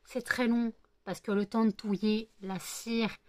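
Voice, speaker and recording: A woman's voice: on the high side, fairly even intonation, measured pace. A worn-out woman chatting casually in a home vlog, rambling and repeating herself after a sleepless night of work. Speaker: vlogger making scented wax melts.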